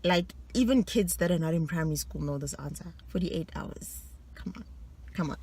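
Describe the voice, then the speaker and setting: A woman's voice: on the low side, normal speed, warm tone, husky. A woman, chatting casually and teasing herself as she works through a quiz for her own video, laughing often between answers. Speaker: vlogger quizzing herself.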